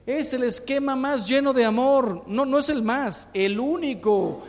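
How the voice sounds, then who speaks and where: A priest in his fifties giving a humorous talk on marriage, a lively storyteller. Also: very high voice, unhurried, big-room sound. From Mexico. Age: 50s. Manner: lively storyteller who acts out jokes.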